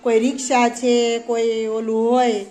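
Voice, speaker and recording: A woman's voice: fairly high pitch, flat delivery, takes it slowly, mellow. A woman teaching a preschool class, asking the children questions and praising their answers. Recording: faint background noise.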